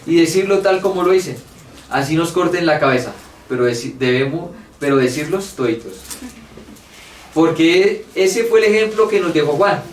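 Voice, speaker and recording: A man's voice: on the high side, expressive, normal speed. A man from Colombia teaching a church theology class, earnest and thinking aloud, acting out both sides of a debate. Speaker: Bible study teacher. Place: church meeting room. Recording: echoey room from far off, faint hiss.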